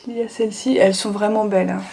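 A young woman makes a manga haul video in a sunny room at home, chatting casually and peppering her talk with small fillers and lots of "donc voilà." Her medium-pitched voice is steady, gravelly and mellow, she talks at a racing speed, and there's slight background noise.

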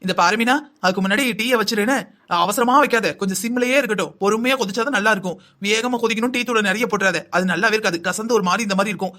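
A man's voice: high voice, racing, pushed and bright. A man voicing a fussy older mother-in-law in a cartoon, giving long kitchen instructions. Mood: bossy.

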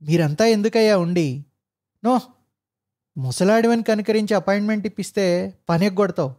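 A man voicing an arrogant, hot-tempered engineer boss who barks and shouts with scorn. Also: high voice, moderate pace, voice pushed up, natural voice. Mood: furious.

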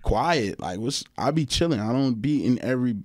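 A man's voice: medium pitch, animated, brisk. A man in casual podcast banter, a laid-back storyteller who laughs often. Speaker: podcast guest.

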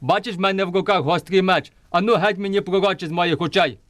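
A man's voice: high-pitched, fast talker, fairly bright tone. A man performing a wrathful, boastful tyrant king in a folk nativity puppet play, speaking in a pompous, commanding declamation. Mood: wrathful, defiant.

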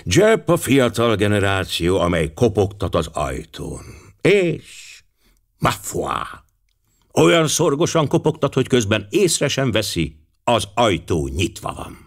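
A shrewd, fussy older detective, as a male audiobook reader puts him on, speaking in a lower voice with precise, gently ironic phrasing. His pitch swings a lot from line to line, and he stays dry and knowing. It is a storybook reading. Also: very animated. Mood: wry.

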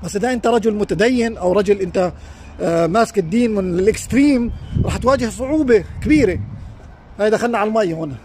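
A man's voice: high-pitched, racing, darkish tone, a little hiss or hum. A man with a Levantine Arabic accent gives earnest advice as a life coach on a live stream, speaking outdoors beside a lake into a phone. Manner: earnest, advising, addresses viewers directly.

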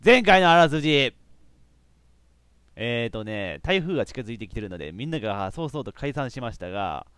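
A man with a commentating a live game stream, animated, often laughing and shouting. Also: mid-range voice, no echo. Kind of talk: live let's play commentary.

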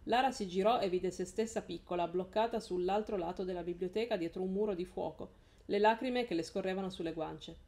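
A woman's voice: mid-range voice, brisk, darkish tone. Woman reading aloud, self-correcting. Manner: casual reading with frequent self-corrections and laughs. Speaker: live stream host reading aloud. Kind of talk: reading a novel aloud on a live stream.

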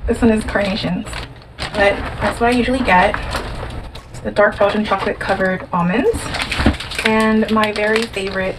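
A woman's voice: mid-range voice, noisy background. A woman in her thirties from the Philippines, chatting casually in a rambling vlog with fillers and restarts, talking to the camera from her car and then at home. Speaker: vlogger. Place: car at night, then small room at home. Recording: loud music bed under the voice.

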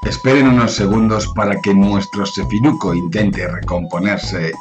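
A man putting on a slow, formal announcer voice in a mock-solemn tone. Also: fairly low pitch, fairly even intonation, pitched below the performer's own voice, natural voice. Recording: voice over loud music.

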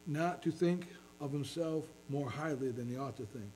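A man's voice: fairly high pitch, normal speed, darkish tone, slight background noise, low-quality recording. A man preaching a sermon as pastor, earnestly reading scripture in King James wording.

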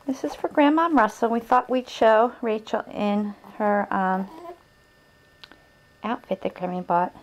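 A woman's voice: medium pitch, steady tone, unhurried, poor audio. A young woman filming her baby at home for the grandparents, coaxing the baby with repetitive sing-song baby talk on a handheld camcorder in a bedroom.

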